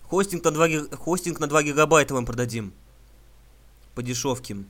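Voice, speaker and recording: A man making a prank phone call, talking in a deadpan, mock-earnest way and stumbling over words. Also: a little high, moderate pace, background noise. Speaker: prank caller.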